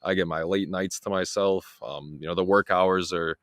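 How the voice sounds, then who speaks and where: A young man, a guest talking in an easygoing, relaxed way with many fillers. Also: low voice, normal speed, no echo, studio quality. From Toronto, Canada. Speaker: guest, freight broker. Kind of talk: casual interview chat.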